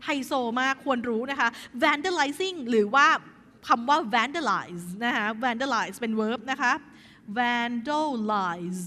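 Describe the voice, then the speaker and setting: A woman teaching English to students in a school, chatty and lively, asking the class questions as she goes. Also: high voice, slow pace. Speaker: English tutor. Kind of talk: classroom tutoring session. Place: school hall. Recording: echoey hall.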